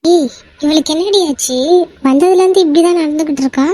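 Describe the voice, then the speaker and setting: A woman's voice: high voice, fairly quick, mellow, no room sound, close to an everyday voice, rough recording. A woman voicing a young woman in a cartoon, emotional and pleading. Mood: curious. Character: young woman, upset and defiant. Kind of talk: Tamil cartoon voice acting.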